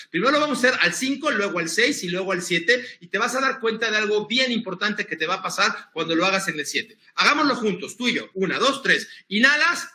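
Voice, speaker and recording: Energetic high-voiced man coaching. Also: roomy sound. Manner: energetic, coaching the audience through breathing exercises. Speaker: motivational speaker. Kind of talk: conference talk on emotions.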